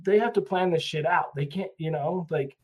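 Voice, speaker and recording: A man's voice: fairly high pitch, moderate pace, low-quality recording. A man co-hosting a podcast in a casual, rambling chat, swearing freely and laughing often. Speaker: podcast co-host.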